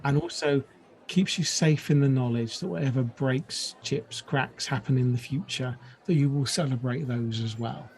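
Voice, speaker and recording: A man's voice: medium pitch, normal speed, a little mellow. A man co-hosting a podcast in a casual, reflective chat, laughing often. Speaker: podcast co-host.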